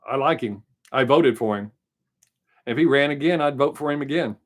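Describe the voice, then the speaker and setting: A man's voice: medium pitch, moderate pace. Chatty, profane Southern-drawling man. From American South. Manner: rambling, chatty, frank and profane. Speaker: livestream host answering chat. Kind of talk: casual live stream chat.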